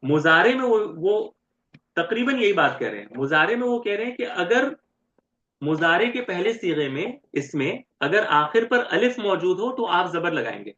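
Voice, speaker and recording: A man teaching grammar in a lecture, spelling out syllables slowly and often checking with his students whether they follow. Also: sits high, big pitch swings, a bit bright. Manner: keeps checking with "right?" and quizzing students. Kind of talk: classroom lecture. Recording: roomy and dull, lo-fi.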